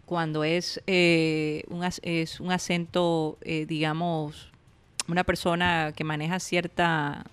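A man with a Barranquilla accent, co-hosting a casual chat, measured and reflective. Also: fairly high pitch, flat delivery, fairly bright tone, smooth. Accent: Barranquilla, Colombian Caribbean coast. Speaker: podcast co-host.

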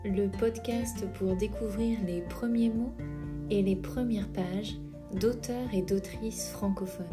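Female podcast host, mid-pitched, slow and deliberate poetry reading. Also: steady tone, music in the background. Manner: slow, measured recitation with careful phrasing.

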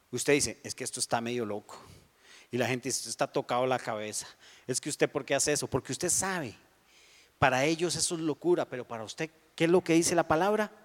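Man, pastor, sermon, somewhat high voice, rhetorical questions, long church reverb. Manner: animated, rhetorical questions, dramatic tempo swings.

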